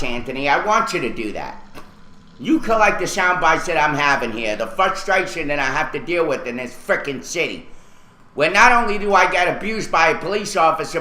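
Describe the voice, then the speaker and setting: A man's voice: on the high side, expressive, normal speed, sharp tone, reverberant, low-quality recording. Furious ranting man on radio. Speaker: radio talk show host. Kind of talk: angry on-air rant.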